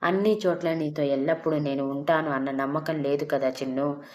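A woman doing a relaxed, protective young man. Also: low voice, brisk, natural voice. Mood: coaxing. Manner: relaxed, coaxing.

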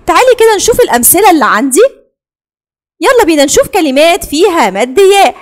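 A woman's voice: very high voice, sing-song, quick pace. A woman with an Egyptian Arabic accent, a kindergarten teacher giving a scripted lesson, cheerful and coaxing as she quizzes her pupil.

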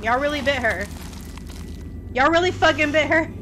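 A woman's voice: high voice, moderate pace, fairly bright tone, a little hiss or hum. A woman streamer reacting to a game, disbelieving and profane, repeating her lines.

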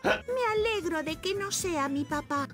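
A woman's voice: very high-pitched, moderate pace. A woman voicing prim, pious cartoon game characters with sweet, odd lines. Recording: game audio with loud music behind.

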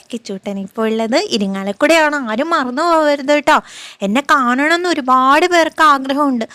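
A woman's voice: sits high, pushed and bright, no echo. A woman from Kerala speaking as a cheerful little boy who tells his own story in a chatty, coaxing vlog narration. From Kerala, India. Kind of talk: first-person vlog narration as her child.

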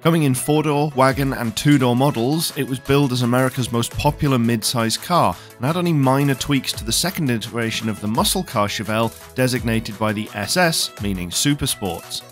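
Speaking fairly quickly and hardly pausing, a mid-range male voice gives enthusiastic, knowledgeable scripted commentary as a car show presenter. Faint background music accompanies him.

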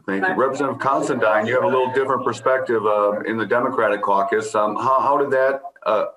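A middle-aged man moderating a panel over a video call, asking polite, measured questions. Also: mid-range voice, steady tone, a crowd in the background. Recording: echoey room.

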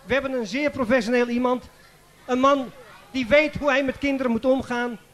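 A man's voice: very high voice, steady tone, normal speed. A man introducing the presenter on stage in a festival tent, speaking stiffly and formally. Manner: stiff and formal, rising to a loud announcement. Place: large festival tent before an audience.

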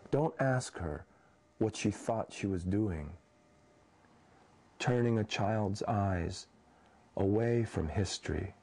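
A man in his fifties, born in Indonesia, slowly reading his poems and talking about his life in a measured, thoughtful way. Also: fairly low pitch, vocal fry, mellow, husky. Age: 50s. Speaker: poet. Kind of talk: poetry reading and personal account.

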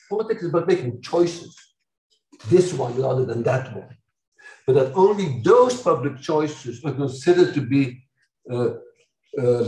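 An older man from Belgium giving an academic lecture, animated and ironic, with mocking asides and sudden loud outbursts. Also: fairly high pitch. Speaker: university lecturer. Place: lecture hall. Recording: echoey hall from far off.

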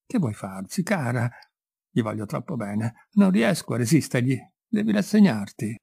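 A man voicing a doting, weak-willed father who speaks softly and then trembles and shouts in a story reading. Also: high-pitched, sing-song, takes it slowly, creaky, breathy edge, no echo, voice pushed up, exaggerated voice. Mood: tender. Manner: soft and pleading, then shouting. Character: doting middle-aged father, weak and shaken.

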